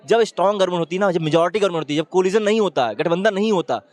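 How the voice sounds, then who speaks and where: A man's voice: high-pitched, very fast, darkish tone. A man giving his opinion in a street interview, talking in an emphatic, argumentative way and often urging the listener to look.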